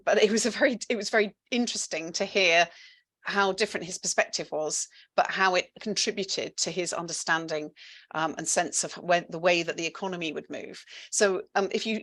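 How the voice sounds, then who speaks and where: A woman's voice: on the low side, a bit bright. A woman moderating an online panel discussion over a video call, conversational and thoughtful.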